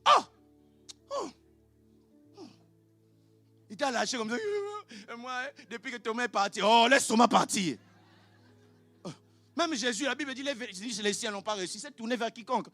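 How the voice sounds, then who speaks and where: Male pastor, native Lingala speaker, high and bright, impassioned church sermon that climbs into shouting. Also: animated, moderate pace, pauses often, faint music behind.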